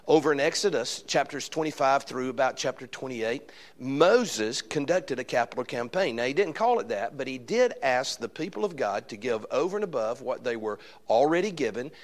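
A man's voice: medium pitch, expressive, normal speed. A man with an Alabama accent addressing a church congregation as a guest speaker, folksy, often repeating and restarting his words. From Alabama, United States. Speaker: guest pastor and church fundraising consultant.

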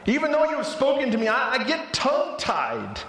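A man's voice: extremely high pitch, wildly swooping pitch, moderate pace, a bit bright, echoey room, voice pushed up, full character voice. A man voicing a timid, reluctant man with a whiny, pleading voice during a sermon reading.

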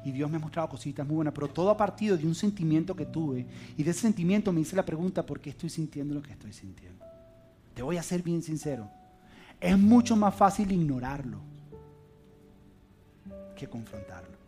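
A man preaching a sermon, telling a family story in an earnest, confiding way and dropping to soft, low tones. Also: lively intonation, quick pace. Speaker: pastor. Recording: music playing behind.

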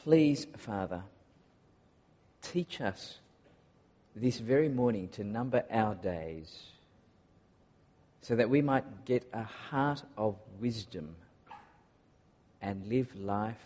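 A man from Malaysia preaching a sermon to a congregation, earnest and often pausing on filler uhs. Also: lowish voice, warm tone. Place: large church hall. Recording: dull recording in a long-echo hall.

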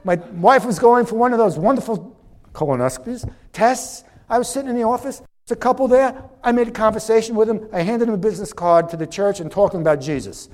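A man's voice: sits high, quick pace, a little mellow. A middle-aged man preaching a sermon as pastor, impassioned and preachy, sweating as he talks. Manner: impassioned, preachy, acts out little dialogues.

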